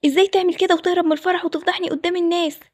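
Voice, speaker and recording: A woman with an Egyptian accent voicing an old, rich, hot-tempered groom who talks loud and demanding. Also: sits high, rapid-fire, no echo, close to an everyday voice. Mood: furious. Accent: Egyptian Arabic. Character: old rich groom, man, quick to anger.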